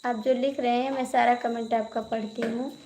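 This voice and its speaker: A woman with an Awadhi accent hosting a phone live stream, calmly reading out viewer comments, thanking people and adding devotional greetings. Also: a little high, normal speed, slight background noise, low-quality recording. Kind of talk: casual live-stream chat.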